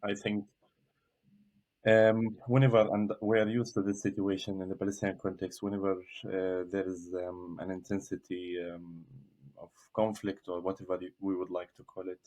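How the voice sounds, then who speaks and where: Low-voiced thoughtful man from Gaza. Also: flat delivery, a little mellow. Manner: measured, thoughtful, frequent hesitations. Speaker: podcast guest, researcher. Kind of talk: reflective interview answers.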